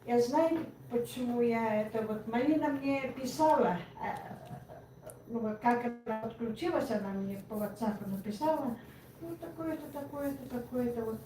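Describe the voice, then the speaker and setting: A woman's voice: fairly high pitch, normal speed, warm tone. A woman in her sixties giving a personal testimony, telling it animatedly and with laughs. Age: 60s. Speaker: business partner. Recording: echoey room, far from mic, faint hiss.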